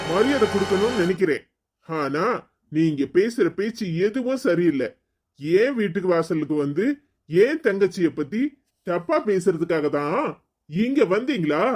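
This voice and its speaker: A man's voice: high voice, a little mellow. A man voicing a proud, hot-tempered young husband in a cartoon story, scolding and threatening. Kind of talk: cartoon voice acting.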